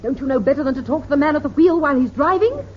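Woman playing a very high-pitched, bossy pirate captain. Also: racing, natural voice. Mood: indignant. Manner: imperious, scolding. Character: bossy, fussy female pirate ship's captain. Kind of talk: radio comedy acting. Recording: dull, very noisy old radio recording.

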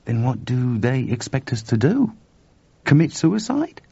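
A man voicing a weary, skeptical young male engineer with a gruff, sardonic way of talking. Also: medium pitch, sing-song, unhurried, mellow, no echo, pitched above the performer's own voice, exaggerated voice. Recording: dry, dull lo-fi recording.

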